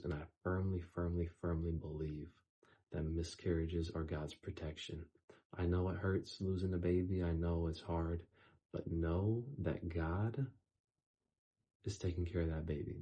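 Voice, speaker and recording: A man talking in a casual faith-based vlog, earnest and emphatic, repeating words for stress, his voice going hoarse. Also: deep voice, warm tone. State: losing his voice. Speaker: YouTuber.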